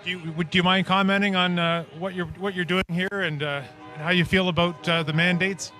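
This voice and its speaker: A man's voice: high voice, flat delivery, a little fast, sharp tone, faint music behind. A man doing a street interview outdoors, earnestly asking long leading questions. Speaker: independent media interviewer.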